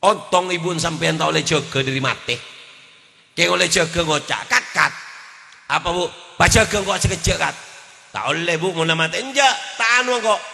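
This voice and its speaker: A man preaching a lively, joking sermon, switching between chanted prayers and shouted punchlines. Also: on the high side, normal speed, creaky, big-room sound. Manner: animated, mixes jokes, chants and shouted lines. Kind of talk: humorous Islamic sermon.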